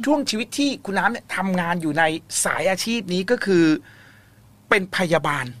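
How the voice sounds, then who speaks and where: A man's voice: sits high, animated, fairly quick, no room sound. A man hosting a ghost-story radio talk show, chatting casually and encouragingly with a caller, often humming along. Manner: warm, encouraging, many soft hums. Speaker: host. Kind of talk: casual chat.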